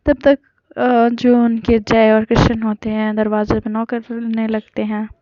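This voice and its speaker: A woman's voice: fairly high pitch, completely flat delivery, a little slow, dry recording. A woman casually retelling a romance story in a hesitant, conversational way with many fillers. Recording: dull lo-fi recording.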